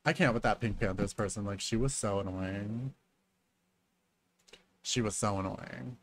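Speaking a little slowly against slight background noise, a man in his late thirties streams a game and chats casually about it. His manner is sassy and theatrical, everyone is "girl" to him, and he shifts from low mumbles to high-pitched squeals.

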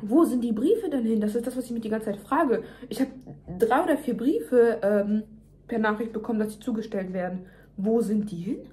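A woman's voice: on the high side, normal speed, warm tone. A young woman venting emphatically in casual chat to her viewers, talking while chewing. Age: young adult. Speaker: vlogger. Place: home kitchen, indoors.

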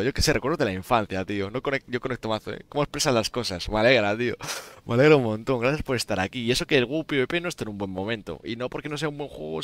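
A young man with a Spain Spanish accent chats loosely with his live-stream viewers, calling them tío and gente. He sounds a bit tired, with a middle-pitched voice. The sound is dry and close at a desk microphone. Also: fairly bright tone, dry recording. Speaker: game streamer. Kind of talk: casual live-stream chat.

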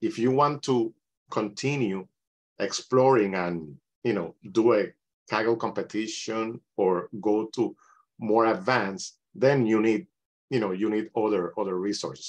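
A man's voice: fairly low pitch, measured pace. A middle-aged man leading a book club over a video call, talking casually with many restarts. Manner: hesitant, many restarts and "you know".

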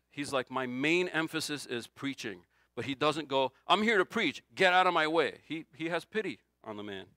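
A male pastor preaching a sermon, animated and acting out the voices he quotes. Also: mid-range voice, dry recording. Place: church sanctuary.

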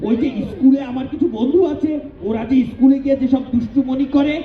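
A man voicing a friendly, chatty animal puppet with a squeaky voice for a children's show. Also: steady tone, fast. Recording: echoey, distant, tinny phone-like sound.

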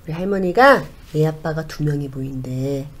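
A woman's voice: sits low, moderate pace. A woman doing a comic fortune-telling shaman, chatty and sing-song, now and then dropping to a whisper. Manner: chatty, sing-song, drops to whispers when relaying spirit messages. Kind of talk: comic shaman role-play.

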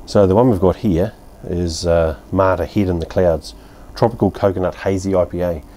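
A man's voice: deep voice, fairly even intonation, moderate pace, warm tone, slight background noise. A man in his fifties with a New Zealand accent, casually reviewing a beer at his outdoor home bar in a blunt, rambling way. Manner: laid-back, blunt, rambling with fillers and mild swearing.

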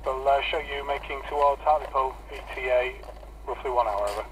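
A man working as a coastguard operator, speaking formal, halting procedure over marine radio. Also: medium pitch, recorded from a distance. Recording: dull, faintly noisy VHF radio.

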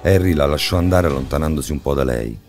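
A man narrating an audiobook with an extremely low, deep voice. He tells the story in a measured, dramatic way. Soft music plays faintly behind him. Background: faint background music.

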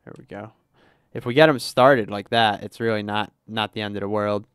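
A man's voice: on the low side, fairly even intonation, moderate pace, a bit bright, smooth, dry recording, clean studio sound. A man livestreaming a cooking game, chatting casually as he plays, narrating his moves and reading chat aloud. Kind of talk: casual gameplay livestream commentary.

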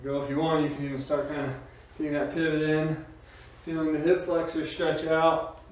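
Echoey, high-pitched male aerobics instructor. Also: little pitch movement, moderate pace. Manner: motivational, urging, calling out short cues during exercise. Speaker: fitness instructor. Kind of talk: aerobics instructor coaching a workout. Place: small home gym with bare walls, indoors. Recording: echoey room, distant mic, faint noise.

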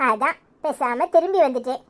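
A woman playing a gentle young village mother, soft and apologetic, in a Kanyakumari Tamil accent. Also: high voice, normal speed, lightly acted. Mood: meek. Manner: soft, meek, tender.

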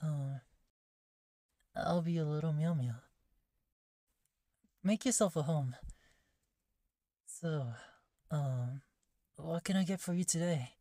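A woman voicing a shy, flustered catgirl maid in a soft-spoken ASMR role-play, timid, hushed and halting, close to the microphone. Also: low-pitched, no echo. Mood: shy, eager. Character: shy, flustered catgirl maid waitress craving head pats. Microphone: close, dry microphone.

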